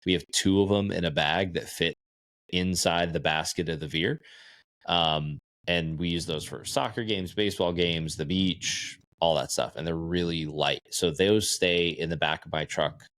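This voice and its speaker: A man co-hosting a casual podcast, giving relaxed, matter-of-fact recommendations into a podcast microphone. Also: sits low, normal speed, no echo. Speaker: podcast co-host.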